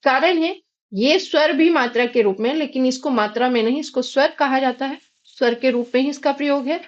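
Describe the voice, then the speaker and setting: A woman's voice: high voice, fairly quick, dull audio. An Indian woman teaching a Hindi grammar lesson, patiently posing questions and answering them herself. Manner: patient, asks and answers her own questions.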